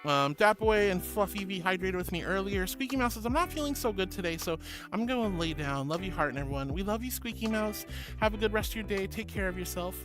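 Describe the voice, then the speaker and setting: Over background music, a woman streamer chats casually with her viewers, reading their comments aloud and calling them darling, honey and sweetie. Her mid-range voice is quick and lively in intonation, and her manner is playful and giggly.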